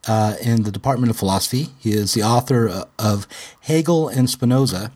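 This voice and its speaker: Measured podcast host, man. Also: fairly low pitch, a little mellow, breathy edge. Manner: measured, scripted intro then loose, halting chat. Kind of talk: podcast intro and interview. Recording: faint music under the intro.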